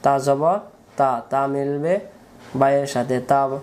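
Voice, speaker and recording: Patient man drilling syllables slowly. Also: medium pitch, little pitch movement, a little mellow. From Bangladesh. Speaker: Quran reading teacher. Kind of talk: spelling drill lesson.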